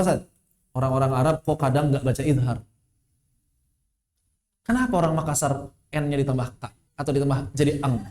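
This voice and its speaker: High, lively teacher. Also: male voice. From West Java. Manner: quizzing students, rhetorical questions, chuckles. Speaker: Quran recitation teacher. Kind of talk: online tajwid lesson. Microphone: online class recording.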